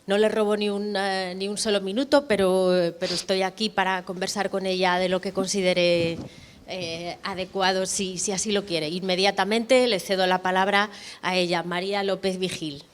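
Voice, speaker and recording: Flat-voiced woman, long hall reverb. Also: mid-range voice, normal speed, slight background noise. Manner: hesitant, searching for words. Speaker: presenter. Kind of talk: introducing a guest speaker. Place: university auditorium.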